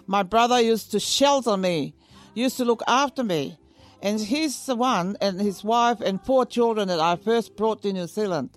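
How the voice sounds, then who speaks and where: A woman in her eighties from Samoa, telling stories of her life in a relaxed interview and often repeating herself. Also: medium pitch, moderate pace, faint music behind. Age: 80s. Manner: warm storytelling, repeats herself. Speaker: interview guest. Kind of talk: casual interview.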